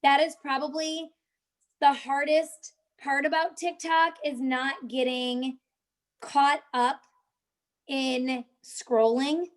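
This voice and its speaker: A woman's voice: high-pitched, flat delivery, slow pace. A young woman hosting a casual live-stream tutorial, chatting with viewers in the chat as she walks them through social media tips.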